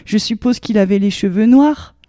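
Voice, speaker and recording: Brief: cold, scoffing husband, voiced by a woman storyteller, dark mellow tone, dry close sound. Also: medium pitch, normal speed, no echo, close to an everyday voice. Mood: irritated, scoffing. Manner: cold, sarcastic retorts. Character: irritated dismissive husband, sarcastic, bored.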